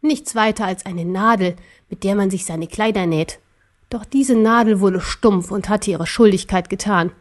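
A woman voicing an arrogant, cruel ancient emperor in an audiobook, speaking slowly and scornfully. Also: medium pitch, natural voice. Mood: gloating. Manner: slow, scornful and gloating. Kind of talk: audiobook character voice.

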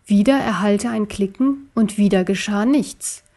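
A woman narrating a children's story in a steady, measured reading voice. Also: mid-range voice.

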